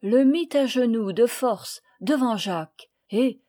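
A woman reading a children's novel aloud, with clear, expressive narration. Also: on the high side, slow pace. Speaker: audiobook reader. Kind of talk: storybook reading.

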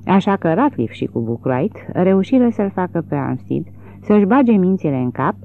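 Reading a literary novel, this narrator delivers the text with drama and expression in a mid-range voice touched by vocal fry. The audio has a thin, tinny quality.

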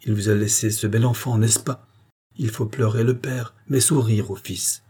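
A man's voice: fairly low pitch, steady tone, moderate pace, mellow, husky. A man voicing a kindly, fussing old male farm gamekeeper, talking in an eager, emphatic way.

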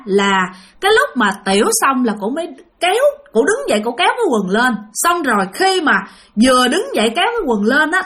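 Animated Southern Vietnamese woman telling ghost stories. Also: high voice. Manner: animated, addresses listeners directly. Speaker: storyteller. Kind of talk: spoken ghost story narration.

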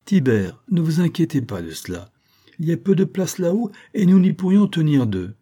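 A man's voice: fairly high pitch, very animated, moderate pace, dark tone, slightly rough, voice pushed up. A man voicing a crafty, greedy male fox who coaxes and pleads with veiled threats in a storybook reading. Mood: pleading. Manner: coaxing, insistent, with veiled threats.

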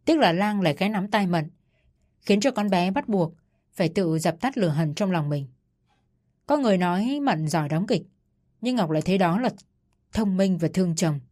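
A woman narrating an audiobook novel in an even storytelling manner. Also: fairly low pitch, normal speed, pauses often. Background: faint music.

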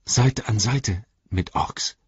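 A man voicing a dazed young hobbit in an audiobook, speaking in a hushed, entranced way. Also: lowish voice, takes it slowly, slightly rough, dry recording, dull audio, pitched above the performer's own voice, exaggerated voice. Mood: dreamy. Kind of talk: audiobook character voice.

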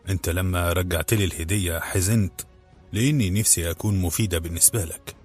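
A man voicing a guarded older foreign woman who softens into tenderness, speaking. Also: deep voice, fairly even intonation, fast talker, breathy edge, soft background music. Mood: tender. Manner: cool, clipped, then softening.

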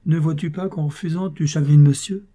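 A man's voice: on the high side, steady tone, a little fast, dark tone, pitched above the performer's own voice, lightly acted. A man doing a reproachful young woman. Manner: urgent, reproachful. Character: poor young woman, eager and quick-tempered.

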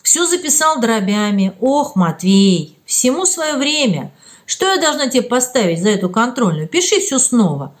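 A stern but kindly schoolteacher woman from a storybook, scolding a pupil in slow, drawn-out words. Her voice climbs high and swings widely as she chides, as a woman reader puts her on. It should sound like a children's audiobook. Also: sing-song. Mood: exasperated.

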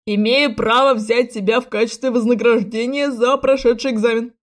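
A woman narrator doing an arrogant young prince in a storybook reading. He barks short commands loudly and sneers at everyone around him. The voice sits a little below the reader's own high tone. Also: steady tone, normal speed, lightly acted. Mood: mocking. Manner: loud, sneering, clipped commands.

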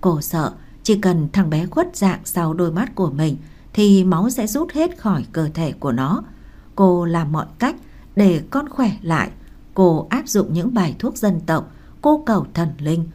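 A woman narrating a novel in a calm, measured storytelling manner. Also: on the low side. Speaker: audiobook narrator.

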